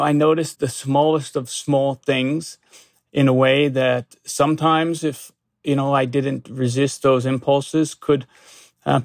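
A man, a lawyer, answering interview questions in a measured, hesitant way with many fillers and restarts. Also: medium pitch, vocal fry, no room sound. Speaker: consumer protection lawyer.

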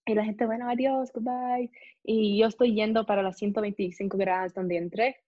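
A young woman with an American accent and native English, telling a lively story as an interview guest and acting out the people in it. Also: medium pitch, brisk, dry recording. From United States. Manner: animated, acts out voices in her story. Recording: dull, muffled sound.

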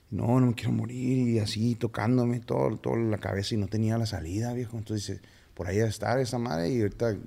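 A man with a Mexican accent, a podcast guest telling his story in casual slang with halting fillers. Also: on the low side, gravelly, mellow.

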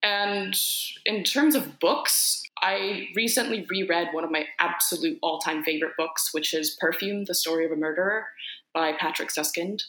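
A Finnish actor, a woman whose first language is Finnish, rambles as a guest in a casual interview chat, circling back with many restarts and fillers. Her bright, forceful voice is fairly low and at normal speed, ringing out in a noticeably roomy, echoey space.

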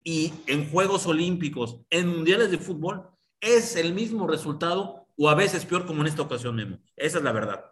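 A man's voice: on the high side, lively intonation, moderate pace, few pauses. A Mexican man in his fifties, a sports journalist, pressing his point insistently in a debate and repeating the guest's name. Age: 50s.

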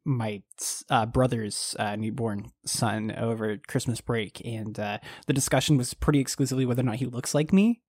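A man with a medium-pitched voice co-hosts a casual podcast, recorded dry and close. He talks in a wry, hesitant way, stumbling and restarting before his point lands. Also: steady tone, moderate pace, hardly any pauses, a little mellow, no echo. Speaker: podcast co-host. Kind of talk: casual chat.

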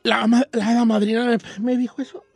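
A man's voice: extremely high pitch, flat delivery, brisk, creaky, darkish tone, slightly rough, no room sound, faint music behind, exaggerated voice. A man voicing an old Mexican rancher with a Mexican accent, hosting a radio show and telling a rambling, self-mocking comic story. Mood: folksy storytelling.

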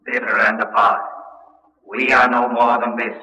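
A mournful verse voice recites in a flat, measured, bright tone. A long reverb trails his words. The old radio recording sounds dull. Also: medium pitch. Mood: solemn. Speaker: poem voice in a radio drama.

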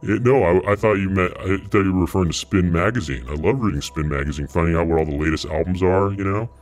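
A man's voice: quick pace, faint music behind. A man hosting a prank call show through a voice changer, teasing a caller with goofy tangents. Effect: voice changer, deep morphed voice. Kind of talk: mocking prank phone banter.

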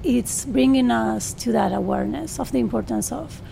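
A woman's voice: fairly high pitch, normal speed, creaky, warm tone, slight background noise. A woman with an Argentine Spanish accent speaks non-native English as an interview guest, hesitating as she searches for words. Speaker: radio interview guest, artist and educator. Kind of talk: interview conversation. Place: radio studio.

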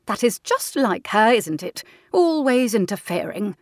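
A woman's voice: fairly high pitch, sing-song, no room sound, clean studio sound, voice pushed up. A woman playing a no-nonsense aunt. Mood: firm. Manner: brisk, firm, plain-spoken. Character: level-headed, no-nonsense older aunt.

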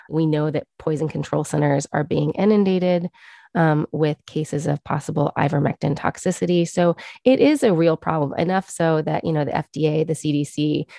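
Low, creaky-voiced American woman journalist. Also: a little mellow, no room sound, studio quality. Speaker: journalist, interview guest. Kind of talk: casual, conversational explaining.

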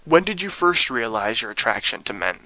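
A man's voice: medium pitch, very animated, fairly quick, pushed and bright, no room sound. A man hosting a radio interview show in an upbeat, enthusiastic way. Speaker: host.

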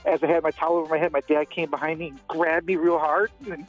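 Quick-talking man calling in to a radio show. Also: a little high, little pitch movement, lo-fi sound, soft background music. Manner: quick, chatty, laughs along. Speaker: caller. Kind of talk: casual storytelling on a call.

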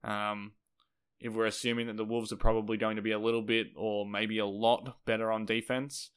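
Even-toned, lower-pitched man with a croaky voice. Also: fairly quick. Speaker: sports podcast host. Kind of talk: solo basketball analysis commentary.

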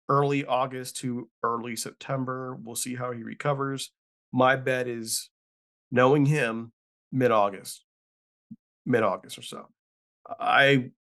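A man's voice: mid-range voice, fairly bright tone. A man hosting a sports podcast in a loose, chatty way, often correcting himself mid-sentence. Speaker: podcast host. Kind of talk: casual sports podcast chat.

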